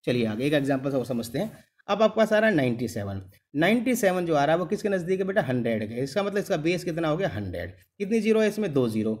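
A middle-aged man teaches maths in a patient, repeating way, checking often that his students follow. His voice sits a little high and swings widely in pitch, rising and falling from phrase to phrase. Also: big pitch swings, fast, darkish tone. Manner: calls the students "beta", keeps asking "clear?"; patient, repeats each step. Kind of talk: classroom lesson.

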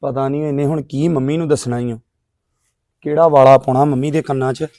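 Man acting as village son, Punjabi accent, high voice, quick, placating, dry sound. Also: no room sound, natural voice. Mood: muttering. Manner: brushing off questions, placating. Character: evasive young village son, easygoing, secretive. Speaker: grown son.

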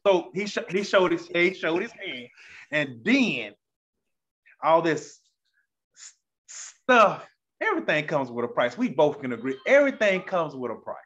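A male podcast guest talking in an animated, incredulous, teasing way in casual conversation. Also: a little high, unhurried, muffled recording.

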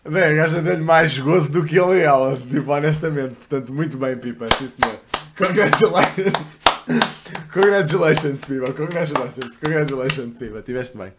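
A young man with a European Portuguese accent talks loosely over clips, full of slang and swearing. His voice sits a little high for a man. His chat is casual and full of quick asides. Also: background noise. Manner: swears freely, bursts into loud laughing outbursts. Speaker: streamer.

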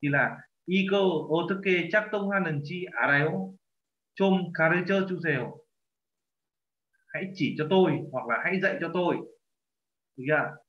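A man's voice: on the high side, expressive. Man teaching in an echoey room. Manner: corrects pronunciation patiently, repeats phrases slowly. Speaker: Korean language teacher. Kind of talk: language lesson. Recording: echoey, dull lo-fi room sound.

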